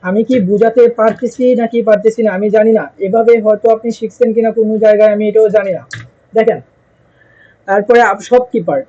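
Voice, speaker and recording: A man teaching spoken English in a casual online lesson, slowly drilling short example sentences and mixing English phrases into his talk. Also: high voice, fairly even intonation, dark tone. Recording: dull lo-fi recording.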